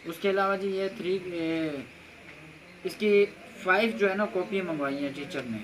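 A man's voice: sits high, measured pace. A man in his thirties from Pakistan, chatting casually with his kids as a family vlogger outdoors. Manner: chatty, teasing questions to the kids. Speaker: vlogger, father. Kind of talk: casual family vlog chat. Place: outdoor village courtyard. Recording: outdoor courtyard with clear noise.

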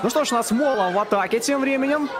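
A man's voice: very high voice, fast talker. A man giving live football commentary, describing the play and the replays. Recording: loud stadium crowd and outdoor noise. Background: football crowd and stadium ambience.

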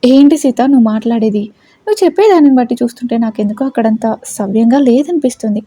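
A woman's voice: on the high side, animated, fast talker, warm tone. A woman voicing an uneasy middle-aged aunt who asks worried questions.

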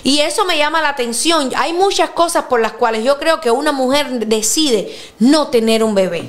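A woman's voice: moderate pace, slight background noise. A woman in her thirties hosting a podcast, chatting casually and acting out the quotes in her stories. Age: 30s. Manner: lively storyteller, acts out quotes with big pitch jumps. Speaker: podcast host. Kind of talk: casual chat.

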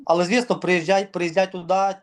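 Man, volleyball organizer, interview guest, hesitant, many fillers, a little high-pitched. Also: level tone, brisk. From Ukraine. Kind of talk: casual interview talk.

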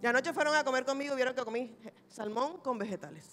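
A woman pastor preaching a sermon, telling a personal testimony in an animated, humorous way. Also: sits high, quick pace, faint music behind. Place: large church hall. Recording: reverberant church hall recording.

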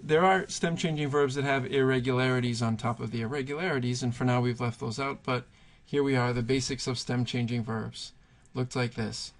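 Guy teaching spanish verbs, kinda gravelly, patient, lots of uh's. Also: mid-range voice, fairly even intonation, a little fast, few pauses. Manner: patient, thinking aloud with fillers. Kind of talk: explaining grammar at a whiteboard.

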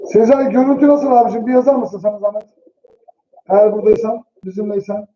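A man's voice: high-pitched, flat delivery, fast talker, warm tone. A man hosting a casual livestream, chatting to viewers in a brotherly way and often repeating himself. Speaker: livestream host. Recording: muffled lo-fi livestream audio.

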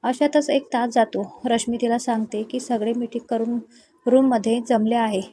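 A woman's voice: a little high, steady tone, moderate pace, warm tone. A woman narrating a romantic story and reading every character's lines in her own voice. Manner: reads all parts in her own voice, dialogue barely changed.

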